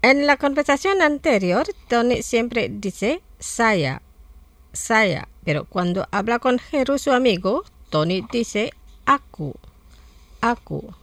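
Slow, careful woman teaching on radio. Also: a little high, animated, no room sound. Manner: slow, careful repetition of words. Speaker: language lesson presenter. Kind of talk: scripted radio language lesson.

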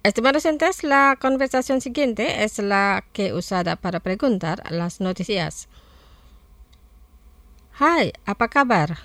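Slow, careful woman teaching on radio. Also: medium pitch, animated, a bit bright. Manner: slow, careful repetition of words. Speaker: language lesson presenter. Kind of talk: scripted radio language lesson.

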